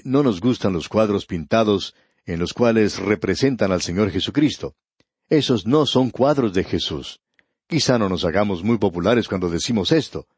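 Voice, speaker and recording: A man giving a radio Bible teaching, reading scripture slowly and deliberately and speaking straight to the listener. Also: fairly low pitch, darkish tone, breathy edge, no room sound. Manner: addresses the listener directly.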